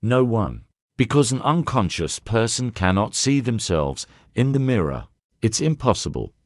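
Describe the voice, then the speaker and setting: A man voicing a calm, courteous elderly detective who asks questions softly and drops French words. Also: lowish voice, a little slow, no room sound, studio quality. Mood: calm probing. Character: elderly male Belgian detective, calm and probing.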